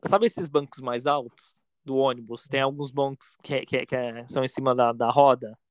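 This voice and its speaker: A man's voice: medium pitch, moderate pace, dry recording. Campy Brazilian man spinning a story. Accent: Brazilian Portuguese. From Brazil, São Paulo state. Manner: campy, dramatic storyteller with lots of slang asides. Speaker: podcast storyteller. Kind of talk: casual chat, anecdote telling.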